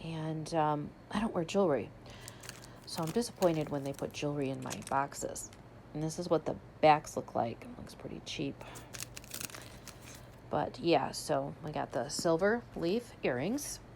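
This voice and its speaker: Chatty lower-voiced woman unboxing. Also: lively intonation, unhurried, creaky, darkish tone, a little hiss or hum. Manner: chatty, describes each item as she unpacks it. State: hiccuping. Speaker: unboxing vlogger. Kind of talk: casual unboxing commentary.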